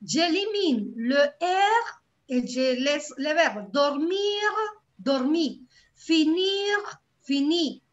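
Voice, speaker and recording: Woman, teaching French online. High, unhurried, lo-fi call audio. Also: very animated. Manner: patient, repeats words slowly and checks for understanding. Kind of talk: live online class teaching grammar.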